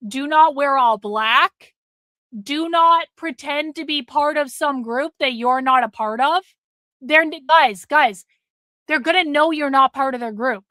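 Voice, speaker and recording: A middle-aged woman with a high, unhurried voice that sounds pushed and bright hosts a livestream, recorded dry. She talks bluntly to her chat in a casual way, swearing freely and repeating herself for emphasis as her voice gives out.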